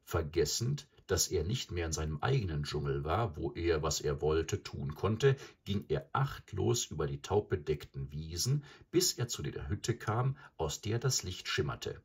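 A man narrating a classic tale as an audiobook in an expressive storytelling way. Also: a bass voice, unhurried, few pauses, slightly rough.

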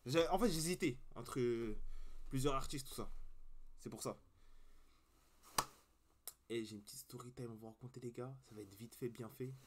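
A man's voice: mid-range voice, normal speed, pauses often, a little hiss or hum. Slangy, rambling young man. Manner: slangy, rambling, swears casually. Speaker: reaction video host. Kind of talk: casual chat to viewers. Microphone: cheap webcam mic.

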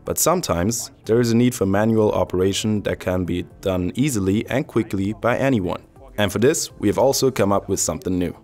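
Male voice-over, low pitch, smooth ad read, faint music bed. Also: a little fast, darkish tone. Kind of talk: scripted promotional voice-over.

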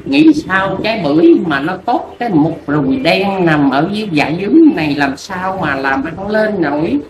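A man's voice: on the high side, very animated. A man playing a crude, bossy old fortune teller, scolding and teasing. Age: older. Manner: scolding, teasing, rapid and bawdy. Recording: echoey room with noise.

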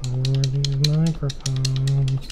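A young adult man doing fast, aggressive ASMR close to the microphones, repeating playful trigger phrases. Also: mid-range voice, flat delivery. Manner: repetitive nonsense trigger phrases. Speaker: ASMR creator. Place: small dark bedroom studio. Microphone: two studio condenser microphones up close. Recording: close-miked with clicking and tapping noise. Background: clicks, tapping, handling noises.

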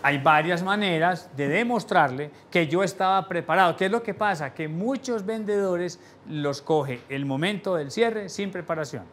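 A fairly high-voiced man giving a sales training lecture to a live audience, lively and expressive. He swings his volume, going quiet for the important points and lifting his voice again to pull the listeners along. Faint room noise sits behind him. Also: normal speed, hardly any pauses. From Latin America. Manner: animated, shifts volume for emphasis, drops voice low on key points; rhetorical questions to the audience.

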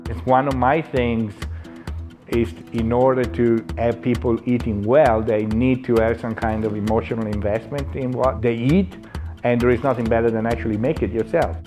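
A man in his forties, a culinary instructor, talking earnestly in a seated documentary interview and pausing often on "uh". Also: medium pitch, steady tone, over music. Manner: earnest, with frequent "uh" fillers. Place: indoor lounge, seated.

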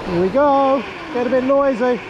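A man in his forties, an excitable vlogger, talks while riding on a river, laughing and thinking aloud in very high-pitched, lo-fi excited outdoor commentary. It's captured on an action camera amid loud outdoor noise, with rushing water behind him.

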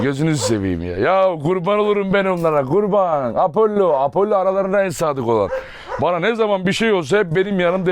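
A man running a dog farm, chatting casually to his viewers and fondly calling to his dogs outdoors. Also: on the high side. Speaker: dog farm owner vlogger. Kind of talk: casual vlog talk to viewers. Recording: noisy outdoor recording with barking dogs. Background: dogs barking.

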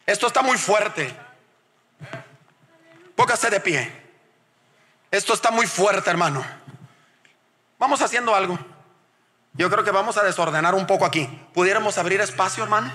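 A middle-aged man from Mexico, preaching a testimony sermon as a guest evangelist, calling his listeners "brother" again and again and moving between hushed storytelling and shouted exhortation. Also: high voice, fairly quick. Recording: long hall reverb.

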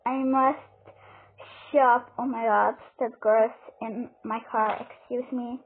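A woman's voice: fairly high pitch, fairly even intonation, takes it slowly, husky. A woman playing a role-play game and talking through it, hesitant, with many fillers and exclamations. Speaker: game player. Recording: tinny phone-like audio with faint noise.

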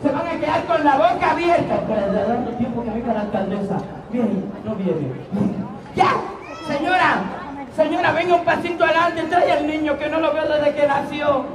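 In an outdoor town square, a Cuban man performs playful street magic patter for an audience, joking at his own expense in a strikingly high, projected voice at normal speed. He's recorded from far off, so the sound is distant and echoey amid the lively crowd.

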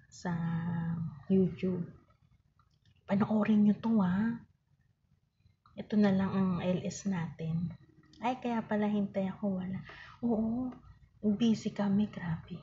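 Soft-spoken woman live-streaming, whispering. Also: mid-range voice, highs cut off, slight background noise. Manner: often drops to a whisper, greets viewers by name. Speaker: live-stream seller hosting a giveaway. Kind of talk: casual live-stream chat. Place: home with other people around. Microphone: phone camera.

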